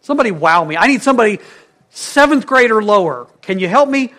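A man preaching a sermon, stressing key words loudly and dropping to hushed phrases, asking his congregation questions. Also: high-pitched, expressive, brisk. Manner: emphatic, swings between loud stresses and hushed phrases.

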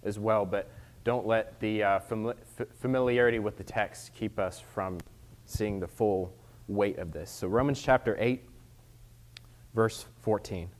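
Man, preacher at a pulpit microphone, fairly low voice, earnest, conversational, restarts and ums, church sanctuary. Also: unhurried. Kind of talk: sermon with scripture reading and prayer.

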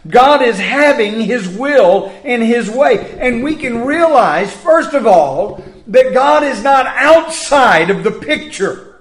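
A man preaching a sermon, slow and emphatic, repeating key phrases for weight. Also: very high-pitched, lively intonation, roomy sound.

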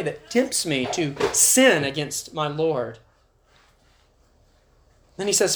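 A man preaching a sermon at a church prayer meeting, earnest and growing emphatic as he reads scripture aloud. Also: a little high. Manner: earnest, rises to emphatic when reading scripture. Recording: echoey chapel room.

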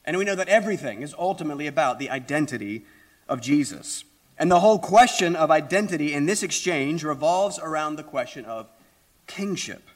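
A man with a hoarse, raspy voice strained by illness, preaching as a pastor with deliberate, emphatic phrasing and rhetorical questions. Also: a little high. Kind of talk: sermon.

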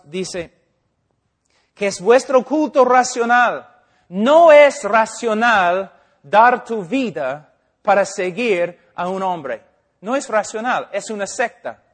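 Male preacher, high voice, unhurried delivery, drops to near-whispers and builds to shouts. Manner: swings from hushed to loud and emphatic. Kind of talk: sermon.

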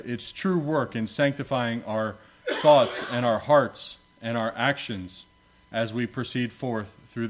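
A man leading prayer and reading scripture from a pulpit microphone in a church, in a solemn, measured way with archaic biblical wording. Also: medium pitch. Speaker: preacher.

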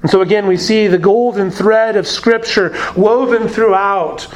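A pastor with a high-pitched male voice delivers a sermon. He speaks earnestly, stresses key words, and poses rhetorical questions to his listeners. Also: fairly even intonation, unhurried, low-quality recording.

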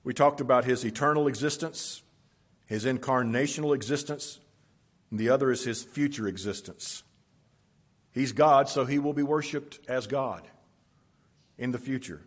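Husky-voiced man preaching a sermon. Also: mid-range voice, moderate pace, pauses often. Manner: reads scripture aloud with emphatic rises. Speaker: pastor. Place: church sanctuary.

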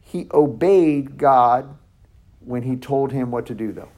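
A man leads a Bible study in a loose, conversational way, often restarting and correcting himself. He speaks slowly in a mid-range voice and sometimes drops to a near hush.

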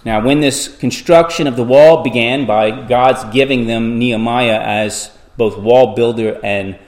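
Male pastor at a pulpit mic, mid-range voice, measured and deliberate sermon delivery. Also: mid-range voice, steady tone, a little mellow. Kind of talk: sermon with scripture reading and prayer.

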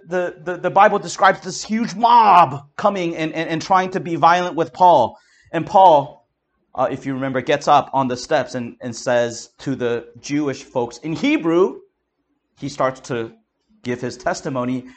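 A man preaching, explaining Scripture verse by verse in an emphatic, conversational way. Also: fairly high pitch. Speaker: pastor. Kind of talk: expository Bible teaching.

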